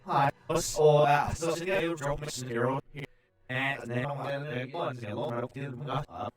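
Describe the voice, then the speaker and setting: A man speaking through an alien voice changer, mumbling halting backwards-sounding gibberish. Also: medium pitch, fairly even intonation, no room sound. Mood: garbled. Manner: halting, mumbled nonsense syllables.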